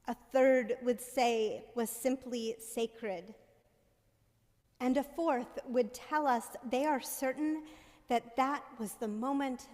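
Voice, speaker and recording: Slow high-voiced woman preaching at a pulpit mic. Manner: measured and conversational, asking the congregation "right?". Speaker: minister. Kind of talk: sermon. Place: church sanctuary. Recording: long reverb of a church hall.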